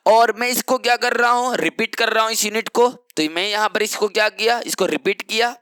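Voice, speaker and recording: A man's voice: sits high, pushed and bright, smooth, dry recording. A young man teaching chemistry in an exam-prep lecture, explaining step by step and asking rhetorical questions that he answers himself.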